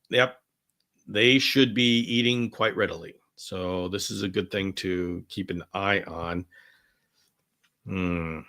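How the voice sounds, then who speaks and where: A man hosts a live Q&A stream, chatting with enthusiasm and rambling through many restarts as his voice turns hoarse. His pitch is on the low side, and his tone is bright and forceful.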